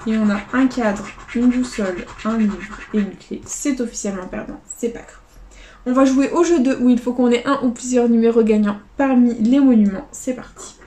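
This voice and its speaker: A woman casually commenting as she scratches lottery tickets, calling out letters and numbers one by one, often quietly. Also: a little high, a little fast, few pauses, echoey room, a little hiss or hum.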